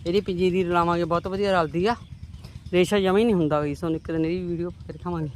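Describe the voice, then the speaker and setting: A woman's voice: on the low side, steady tone, rapid-fire, a little mellow. A woman, chatting homely to viewers as she walks outdoors through her farm's vegetable plots. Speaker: vlogger. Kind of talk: casual farm vlog talking to viewers.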